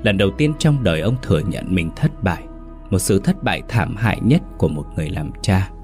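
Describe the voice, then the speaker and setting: A man with a very low voice narrates a scripted ghost story in a dramatic, measured way. Faint music plays behind his narration. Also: animated, a little mellow.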